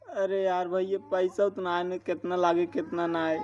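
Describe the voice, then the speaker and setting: A man's voice: high voice, level tone, normal speed, a little mellow, muffled recording, close to an everyday voice. A man with an eastern Uttar Pradesh accent playing a town drunk, a whiny, pleading village husband, in an amateur comedy skit. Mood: worried, whining.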